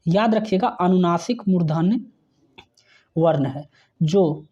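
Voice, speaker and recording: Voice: medium pitch, takes it slowly, mellow, lo-fi sound. A teacher giving an exam-prep grammar lesson, who spells out sounds one by one and often checks in with the viewer.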